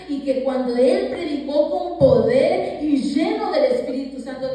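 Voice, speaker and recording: In an echoey church sanctuary, a woman with a high-sitting, dark voice preaches a sermon with strong emphasis, sometimes acting out quoted dialogue. Her voice is picked up from a distance.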